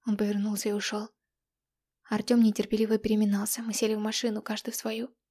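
A woman narrating a first-person romance audiobook in an intimate, dramatic way, often dropping to a hush. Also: mid-range voice, monotone, fast.

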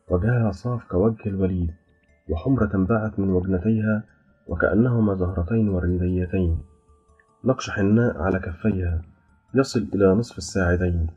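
Male audiobook narrator, husky low voice, measured ornate reading over faint music. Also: warm tone, highs cut off. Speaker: storyteller.

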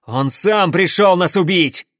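Brief: male reader as a hysterical wounded engineer, frantic shouting, raised pitch. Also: expressive, normal speed, no echo, studio quality.

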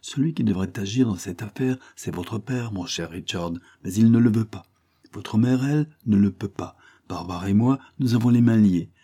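Man doing a calm middle-aged lawyer, measured, grave, low, dark, audiobook. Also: breathy edge. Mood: calm, firm.

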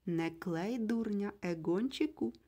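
A blunt, short-tempered storybook mother who snaps her words out, as a woman reader puts her on. Husky and loud at times, with a lively, cutting swing in the voice. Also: mid-range voice, measured pace. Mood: irritated. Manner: curt, snapping. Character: blunt irritable middle-aged mother, sharp-tongued.

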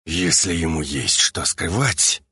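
A man's voice: low voice, very animated, measured pace, pushed and bright, breathy edge, no room sound, studio quality, full character voice. A man voicing a menacing young male mutant who growls through clenched teeth. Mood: threatening.

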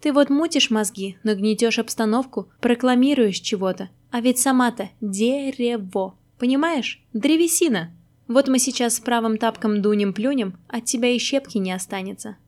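A brash little storybook slipper with a streetwise swagger, mocking and cocky, as a woman reader puts it on. The voice is pushed higher and punchier than the narration. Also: moderate pace, a little mellow, lightly acted.

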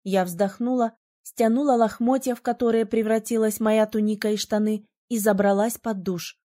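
A woman narrating a novel in the first person, reading in an expressive, lively way. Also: fairly high pitch, moderate pace. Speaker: audiobook narrator.

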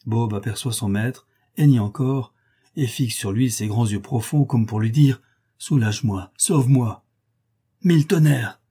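A man reading a novel aloud as an audiobook narrator, in a measured, descriptive manner. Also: mid-range voice, dark tone, slightly rough.

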